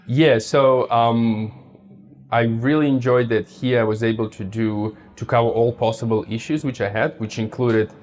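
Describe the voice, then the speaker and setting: A young man from Russia, answering interview questions about his treatment casually and haltingly, often restarting as he searches for words. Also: medium pitch, steady tone, a little mellow. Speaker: patient interviewee.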